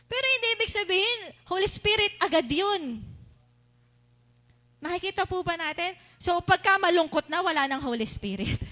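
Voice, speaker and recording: A woman with a Filipino accent delivers a sermon in a very high, bright voice. She keeps asking the congregation questions and acts out shouting worshippers with animated energy. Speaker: preacher.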